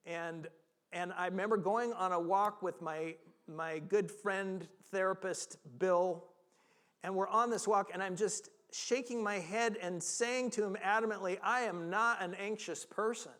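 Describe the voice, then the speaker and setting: A middle-aged male pastor preaching a sermon, soft-spoken, often restarting his sentences. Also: high voice, clean tone.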